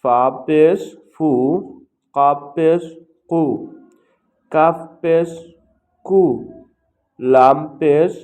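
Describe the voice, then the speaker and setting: A man with a Bangladeshi Bengali accent teaching Quran reading, drilling each letter and syllable slowly and loudly. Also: fairly high pitch, phone-quality sound. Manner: slow, loud, drawn-out drill of each syllable. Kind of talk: recitation lesson, drilling letters.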